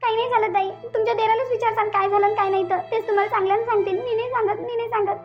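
A woman's voice: extremely high pitch, steady tone, racing, lo-fi sound, faint music behind. A woman voicing a hurt young wife who complains and sulks, with a Varhadi Marathi accent. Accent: Vidarbha Marathi (Varhadi). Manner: hurt, sulky. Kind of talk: cartoon voice acting.

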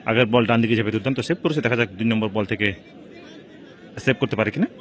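A man giving live, excited play-by-play football commentary at an outdoor match. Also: mid-range voice, racing, highs cut off. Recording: crowd and outdoor noise behind. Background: outdoor crowd at a local football match.

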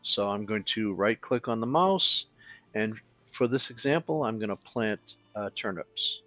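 A man talking through a game tutorial in a relaxed, casual way, thinking aloud with fillers as he clicks along. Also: lowish voice, unhurried, no room sound, dull audio. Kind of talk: casual screen-recorded tutorial.

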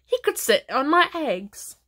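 A woman's voice: high-pitched, sing-song, a little slow, bright, forceful tone, pitched above the performer's own voice, exaggerated voice. A woman voicing a chirpy, eager little sparrow in a storybook read-aloud.

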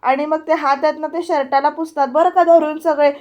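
A woman's voice: high voice, steady tone, a little fast, darkish tone, dull audio. A woman retelling a TV serial episode in a chatty voice-over, often addressing the viewers. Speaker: serial review narrator.

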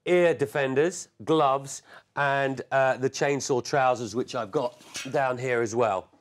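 A man's voice: medium pitch, slow pace. A middle-aged man demonstrating a product on a TV shopping set, talking in a chatty way full of fillers and restarts.

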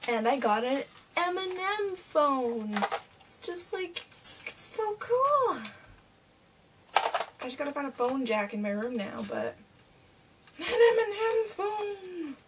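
This young Canadian woman is very animated in her haul video, yet her high-pitched voice moves slowly and pauses often as she chats and rambles with many fillers. She records in a small bedroom on a webcam mic at desk distance, faint hiss audible.

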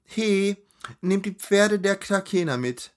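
A man voicing a giggly, vain, rich young woman in a storybook reading, in a high chattering drawl. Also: expressive, slow pace.

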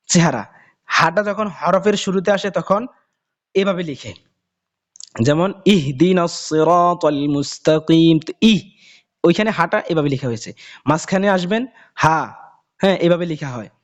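A man teaches Quran reading in a casual spoken lesson, explaining the letters and drawing out each letter name slowly, over and over. His voice sits high and is animated, with a fairly bright tone.

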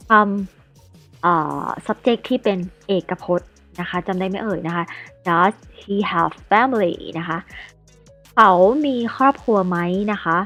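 A woman's voice: mid-range voice, a bit bright. A woman teacher giving an online English lesson to children. She explains patiently, step by step, and ends her phrases with polite particles.

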